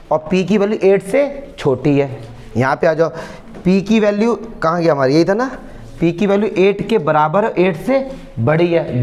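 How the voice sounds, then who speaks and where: A man with a fairly high voice teaching maths for an exam. He talks students through each step in a coaxing way and keeps checking that they have understood. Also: a little mellow. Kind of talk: explaining board exam maths.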